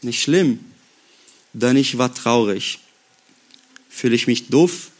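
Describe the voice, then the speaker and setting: A young man from Brazil with a Brazilian accent, preaching a sermon at a youth retreat in slow, halting German. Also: mid-range voice. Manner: slow, halting German with non-native grammar. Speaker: youth pastor. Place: worship room before a youth audience.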